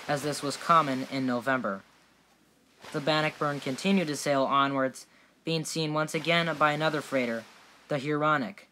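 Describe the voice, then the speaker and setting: A man's voice: a little high, pushed and bright. A man reading scripted documentary narration.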